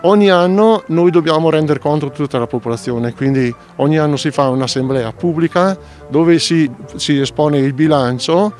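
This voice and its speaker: A man's voice: fairly high pitch, darkish tone, faint music behind. Man with a Trentino accent, outdoors. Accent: Trentino Italian. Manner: measured, explanatory, with restarts. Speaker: local commons committee representative. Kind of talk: outdoor interview. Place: outdoors by a mountain lake. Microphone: handheld mic close up.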